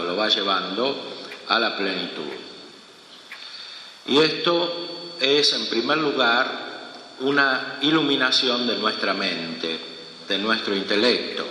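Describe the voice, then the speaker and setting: Spanish priest, measured and unhurried homily, cathedral echo, faint hum under it. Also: male voice, medium pitch, bright, forceful tone. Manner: slow, measured delivery with long pauses. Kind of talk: reading the Gospel and preaching a homily. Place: large church. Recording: long echoing church reverb, faint room hum.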